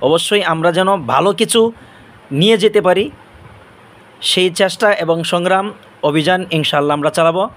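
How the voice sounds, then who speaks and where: A man with a high voice leads a pronunciation lesson. He drags out each drilled sound, then patiently explains where the tongue, lips and throat go, like a teacher repeating things for his class. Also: fairly even intonation, a bit bright. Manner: slow, drawn-out drilling of letter sounds. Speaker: Arabic teacher.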